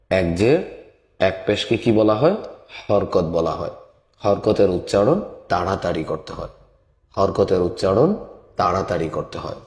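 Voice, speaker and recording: A man with a fairly low voice gives a Quran reading lesson in an echoey room. He repeats each rule slowly and asks questions only to answer them himself. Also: darkish tone. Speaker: Quran teacher. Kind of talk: online Quran recitation lesson.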